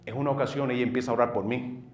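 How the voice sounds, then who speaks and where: A middle-aged man with a Dominican accent, a pastor telling his personal testimony in an earnest way, going from loud bursts to low murmurs. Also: fairly even intonation, racing, faint music behind. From northeastern United States. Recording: roomy sound from a distant mic.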